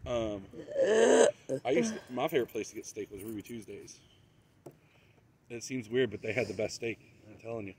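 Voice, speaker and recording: A man's voice: on the low side, moderate pace, pauses often. A man chatting casually and bluntly outdoors. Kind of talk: casual chat. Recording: loud outdoor traffic noise.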